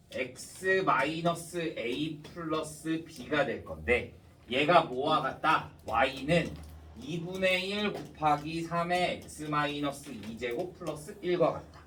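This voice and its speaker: A man with a high voice teaches math at an unhurried pace, swinging widely in pitch as he puts questions to students. His speech is a bit slurred and lisping, like a mouth numb after tooth extraction. He sounds somewhat away from the microphone. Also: fairly bright tone, recorded from a distance, slight background noise. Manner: didactic, checks understanding often. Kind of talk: step-by-step math lesson with rhetorical questions to students.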